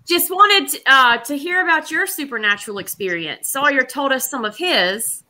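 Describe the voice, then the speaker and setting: A high, bright woman's voice coming through a glitchy remote call that keeps breaking up. She asks easygoing questions in a casual chat. The call audio drops out and stutters. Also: animated, moderate pace. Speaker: co-host on a video call. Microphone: remote video call.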